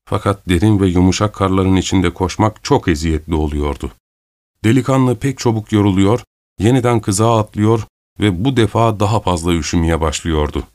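A man narrating an audiobook in a steady, measured storytelling manner. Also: deep voice, no echo.

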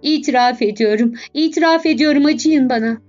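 Female reader playing a frightened young girl, high and desperate, pleading loudly; dull recording, soft music behind. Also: fairly even intonation, normal speed, natural voice. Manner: desperate, crying out. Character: terrified young girl pleading under torture.

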